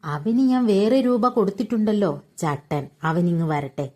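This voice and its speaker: A woman reading aloud and voicing a wry, stubborn grown son who argues back quietly. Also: medium pitch, expressive, a little slow, natural voice. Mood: wry arguing.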